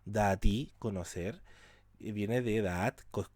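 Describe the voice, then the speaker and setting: A man's voice: fairly low pitch, slow, darkish tone, no room sound. A man teaching a scripture class, asking his listeners rhetorical questions and acting out quoted speech with drama. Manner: asks rhetorical questions and addresses the class directly. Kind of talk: lecture on scripture.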